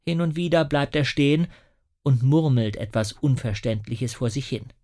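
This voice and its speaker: A man narrating a children's audiobook in a lively, expressive storytelling manner. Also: mid-range voice, normal speed.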